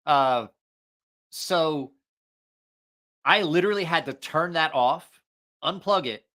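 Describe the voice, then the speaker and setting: A man reviewing knives on a casual gear livestream speaks slowly in a voice on the high side, with a bright, forceful tone. He's profane and jokey, tends to go off on tangents, and is a bit short of breath from his allergies.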